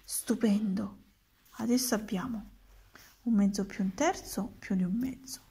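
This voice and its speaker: A woman voicing an impatient old male wizard who teaches maths, in brisk exclamations. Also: medium pitch, gravelly, warm tone, husky, full character voice.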